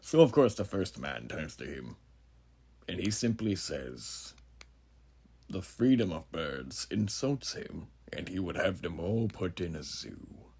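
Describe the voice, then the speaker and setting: A man playing a menacingly genial, philosophizing frontier judge in a horror audio roleplay, speaking grandly and theatrically with a gravelly voice. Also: sits low, sing-song, darkish tone, heavily acted. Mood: sly storytelling. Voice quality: gravelly, husky. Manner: grandiloquent, unhurried, theatrical, with dramatic pauses. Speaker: voice actor.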